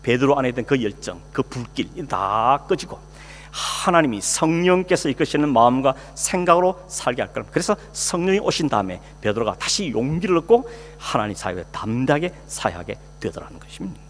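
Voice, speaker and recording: A man's voice: medium pitch, big pitch swings, brisk. A male pastor preaching a sermon in a conversational way, asking the congregation questions and acting out quoted speech. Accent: Korean. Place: church sanctuary. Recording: long hall reverb, faint hum.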